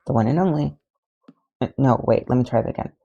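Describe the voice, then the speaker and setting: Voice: mid-range voice, fast talker, vocal fry, mellow, slightly rough, muffled recording. A podfic reader voicing the Flash, an upbeat young male speedster who rambles and corrects himself. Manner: friendly, rambling, self-correcting.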